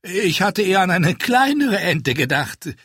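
Man reads cheeky dwarf, high and loud, crude sardonic wit, audiobook. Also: sing-song, a little slow, husky, no echo, studio quality, heavily acted. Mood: mocking. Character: sharp-tongued mocking dwarf man.

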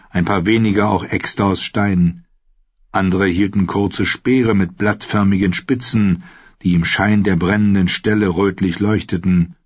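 Male audiobook narrator: husky, low-set voice, even storytelling delivery, dry close mic with a muffled sound. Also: dry recording.

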